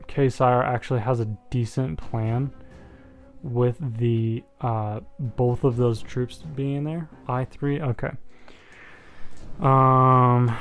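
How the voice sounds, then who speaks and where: A young man hosting a live-streamed board game, chatting with his viewers in a joking, rambling way with plenty of fillers. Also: mid-range voice. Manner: chatty, joking, talks to chat, many fillers. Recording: music faintly behind the voice.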